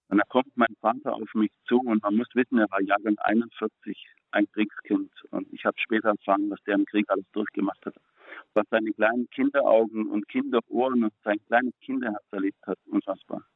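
A man's voice: fairly low pitch, dry recording. Earnest middle-aged man on a phone line. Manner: earnest, halting, repeats words when moved. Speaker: guest. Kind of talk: personal faith testimony. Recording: phone-like, narrow and dry.

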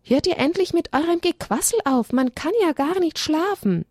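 A woman's voice: high-pitched, lively intonation, normal speed, darkish tone, no room sound, clean studio sound, voice pushed up. A woman voicing a grumpy, sleepy creature hiding in a tree in a children's story. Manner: grumpy, scolding.

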